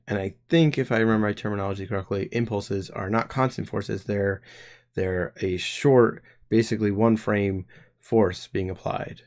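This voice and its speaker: A game developer in his twenties live-streams while talking through his code, working out the logic aloud. His slightly low voice carries vocal fry, and he's hesitant, pausing and restarting often as he thinks.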